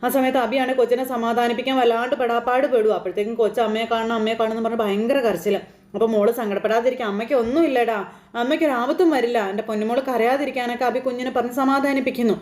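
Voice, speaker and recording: A woman's voice: fairly high pitch, fairly even intonation, very fast, a little mellow. A woman casually retelling a TV serial episode in a chatty way, adding tag fillers and repeating what the characters said. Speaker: recap narrator of a TV serial. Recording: roomy echo.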